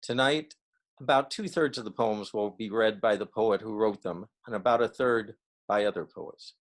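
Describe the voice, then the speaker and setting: A man presenting a poetry reading, explaining its format in a measured way and then reading a poem aloud. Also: on the low side. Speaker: event presenter and poetry reader.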